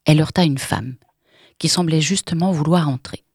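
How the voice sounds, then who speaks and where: A woman narrating a literary novel in a measured, dramatic way, often dropping to a whisper. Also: sits low, darkish tone, breathy edge, no echo, clean studio sound.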